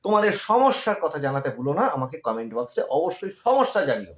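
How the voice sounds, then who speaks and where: A man's voice: fairly high pitch, sing-song, fast, reverberant. A man who tutors school students online, giving encouraging study advice and checking in with "ঠিক আছে?" as he repeats his points.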